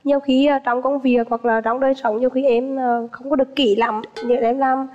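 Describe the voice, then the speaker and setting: A slightly hoarse woman in her twenties from Vietnam speaks politely and hesitantly as a dating show contestant. Her voice sits somewhat high and rings with long studio reverb, and the sound is dull. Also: little pitch movement, fairly quick, faint music behind. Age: 20s. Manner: soft-spoken, polite, hesitant. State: hoarse from a cold. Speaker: contestant, primary school teacher. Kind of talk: casual chat.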